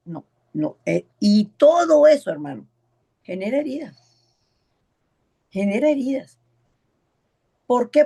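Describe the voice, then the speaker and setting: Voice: mid-range voice, creaky, darkish tone. A preacher teaching an evangelism class in a sermon style, stressing points by repeating words and acting out the voices in a story.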